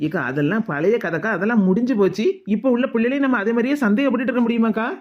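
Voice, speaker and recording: A woman voicing a calm, younger neighbor woman in an animated cartoon, advising and soothing in a southern Tamil accent from the Tirunelveli-Kanyakumari area. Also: on the high side, racing, highs cut off, natural voice. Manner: soothing, persuasive.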